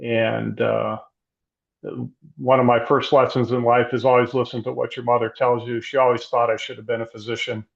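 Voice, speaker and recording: A middle-aged man, a guest physician, speaking in a measured, thoughtful way with frequent restarts. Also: medium pitch, little pitch movement, gravelly, muffled recording. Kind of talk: reflective interview conversation.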